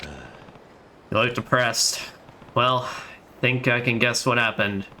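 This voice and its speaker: A man voicing a stoic, blunt tough guy who speaks low and curt. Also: animated, slow pace, pushed and bright, a little hiss or hum, heavily acted. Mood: calm.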